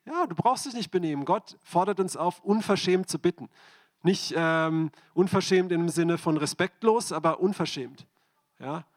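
Man preaching, slightly high voice, direct questions to the congregation. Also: moderate pace. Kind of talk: sermon.

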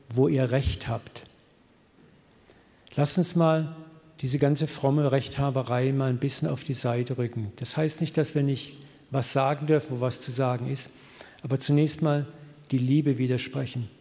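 Gravelly German pastor preaching in a hall. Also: male voice, medium pitch, moderate pace. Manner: lively storytelling with English quotes translated into German. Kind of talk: sermon with personal story.

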